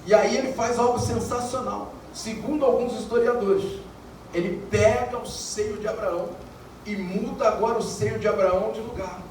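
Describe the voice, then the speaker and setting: A Brazilian man preaching an evangelical sermon, building to shouted, sung climaxes. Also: high voice, fairly even intonation, normal speed, far from the mic, slight background noise. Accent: Brazilian Portuguese. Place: church. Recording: echoey church hall heard from afar, music behind.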